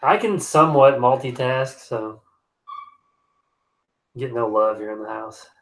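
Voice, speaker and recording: Unhurried and a bit bright, a mid-range voice comes through a low-quality recording. The speaker, an excavation contractor with a blocked nose, casually streams from home, wandering through comments and restarting his thoughts often.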